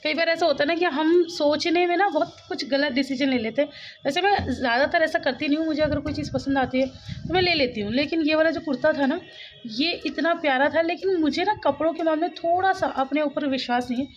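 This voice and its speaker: High-voiced chatty mother vlogging at home. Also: lo-fi sound, slight background noise. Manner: fast, talkative, laughing asides. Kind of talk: casual chatty home vlog. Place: home kitchen.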